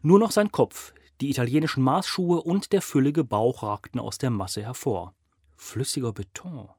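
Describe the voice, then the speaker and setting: A male narrator reads a crime novel aloud in a mid-pitched voice, measured and steady, leaning into dramatic moments. The recording is close and dry, with no room echo. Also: breathy edge. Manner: measured storytelling with dramatic emphasis.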